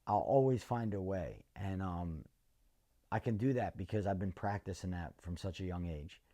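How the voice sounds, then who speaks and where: A middle-aged man from North answers interview questions in a measured, earnest way, pausing often with ums. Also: low-pitched, expressive, mellow. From North Philadelphia. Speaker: interviewee, former fighter.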